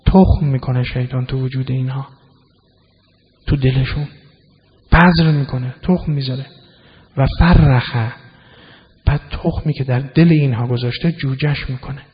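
A man giving a sermon to an audience, explaining scripture word by word, swinging from loud emphasis to low asides. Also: pauses often. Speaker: religious lecturer. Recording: dull lo-fi recording in a reverberant hall.

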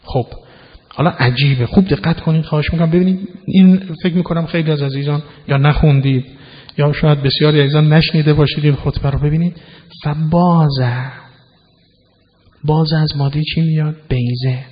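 A man giving a sermon to an audience, explaining scripture word by word, swinging from loud emphasis to low asides. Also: steady tone. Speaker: religious lecturer. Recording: dull lo-fi recording in a reverberant hall.

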